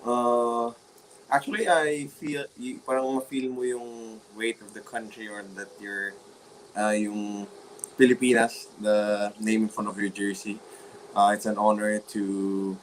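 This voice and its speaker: A man's voice: fairly low pitch, a little hiss or hum, poor audio. A young man, a national basketball player, answering hesitantly with many fillers.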